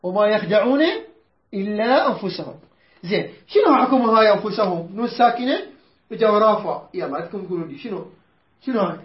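High-voiced man teaching Quran recitation. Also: animated, reverberant, dull audio. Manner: explains rules, then recites verses slowly and drawn out; quizzes students and corrects their pronunciation. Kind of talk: tajweed lesson to students.

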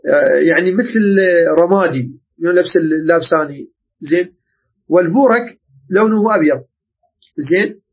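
A man from Iraq with an Iraqi Arabic accent, teaching a religious jurisprudence lesson and often pausing to check that listeners follow. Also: fairly high pitch, husky, muffled recording. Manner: explanatory, checks understanding often.

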